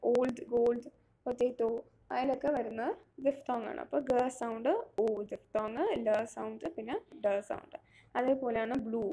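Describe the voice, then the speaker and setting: A woman leads a phonetics lesson in a slightly high voice. She sounds out each word piece by piece, with steady, patient explanations. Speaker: phonetics teacher.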